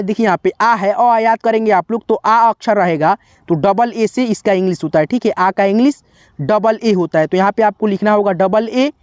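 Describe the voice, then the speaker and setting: Explaining spelling on a board, a patient male tutor speaks slowly and repetitively, spelling out each letter individually and addressing viewers as friends. His voice sits high, and the recording is dry and close.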